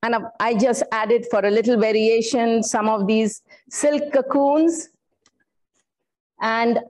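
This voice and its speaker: A woman's voice: a little high, fairly even intonation, slow pace, darkish tone, rough recording. An older woman giving a floral art workshop demonstration, explaining her materials step by step with some fillers. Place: indoor studio room.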